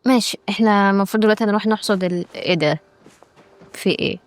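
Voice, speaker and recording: A woman gaming YouTuber with an Egyptian Arabic accent gives casual let's-play commentary, chatty and full of exclamations as she banters with the game's characters. Her mid-range voice moves fast, with no room sound.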